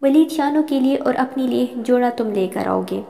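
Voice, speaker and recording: A woman's voice: on the high side, moderate pace, vocal fry, dark tone. A woman voicing a stern elderly grandmother who rules the family, speaking in a commanding, scolding way. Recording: long reverb.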